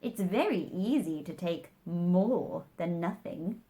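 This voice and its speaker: A rude storybook hatter, as a woman reader puts him on. He is blunt and bossy, with a triumphant air. His pitch swings about freely as he puts people down. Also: animated, slow, mellow. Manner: blunt, interrupting. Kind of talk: storybook character voice.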